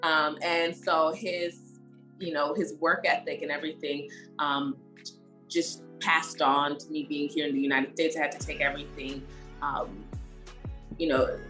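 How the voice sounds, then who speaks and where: Appearing as an interview guest, this young woman from Haiti has a notably low yet bright voice and a forceful tone, though her delivery is flat. She speaks reflectively, pausing on "um" to collect her thoughts, over faint music in a low-quality recording.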